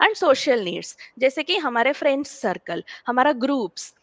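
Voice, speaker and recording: Brief: female life coach guest, unhurried and methodical, dry close sound. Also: high-pitched, very animated, dry recording. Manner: slow, listing points one by one. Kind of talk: interview answers mixing Hindi and English.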